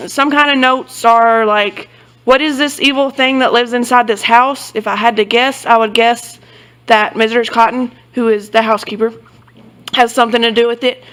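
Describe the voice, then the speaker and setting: On a low-quality recording, a slightly high, fairly bright-toned woman walks through her book journal. She's a book vlogger, and her show-and-tell is rambling, loose and chatty, with frequent self-corrections.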